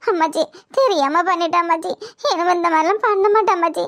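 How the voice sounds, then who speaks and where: A woman's voice: very high-pitched, quick pace, a bit bright. A woman with a Tirunelveli Tamil accent voicing a timid young girl who pleads and apologizes in a cartoon. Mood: apologetic.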